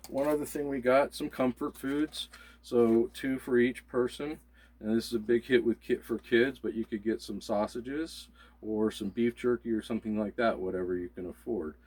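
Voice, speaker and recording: A man's voice: medium pitch, fairly even intonation, normal speed, darkish tone, breathy edge. A man co-hosting a casual prepping video, explaining supplies in an easygoing, step-by-step way. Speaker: co-host of a prepping channel. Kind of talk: casual demonstration chat.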